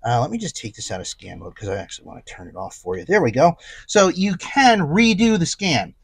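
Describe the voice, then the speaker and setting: This gadget reviewer and host speaks on the high side, with a sing-song, brisk delivery that is gravelly with a breathy edge. He thinks aloud and explains conversationally in a loose, unscripted hands-on review recorded without echo.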